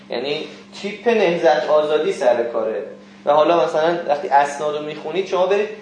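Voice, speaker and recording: A man's voice: a little high, a little mellow. Man lecturing in a very echoey classroom. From Kermanshah, Iran. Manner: questioning, addresses students directly. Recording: very echoey room, faint hiss.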